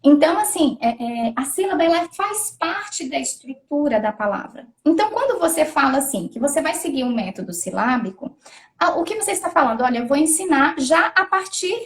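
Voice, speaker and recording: High-pitched woman explaining patiently. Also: sing-song, fairly quick. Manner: thoughtful, repeats words while explaining. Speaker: literacy educator. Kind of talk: explanatory conversation.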